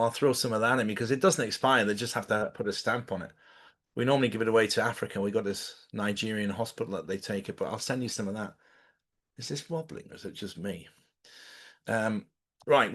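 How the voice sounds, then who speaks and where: A man's voice: mid-range voice, fairly bright tone. A man hosting a livestream, chatting casually and rambling as he thinks aloud. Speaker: livestream host.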